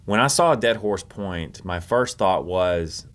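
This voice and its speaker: A man's voice: sits low, lively intonation, slow pace, fairly bright tone. A middle-aged man co-hosting a travel vlog, giving tips with dry, wry humor. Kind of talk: scripted commentary with co-host.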